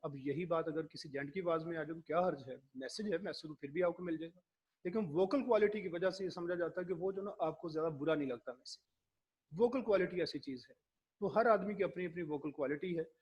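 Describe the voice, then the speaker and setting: A man giving a classroom lecture, explaining slowly and acting out his examples. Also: fairly high pitch, a little mellow, breathy edge, lo-fi sound.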